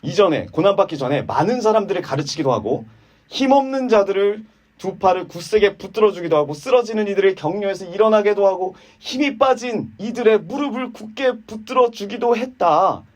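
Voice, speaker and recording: A man preaching a sermon in a church, swinging between emphatic high peaks and low quiet asides, mocking the people he quotes. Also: a little fast. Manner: animated, rising to emphatic peaks then dropping low and quiet; voices quoted speakers in a mocking, sarcastic tone.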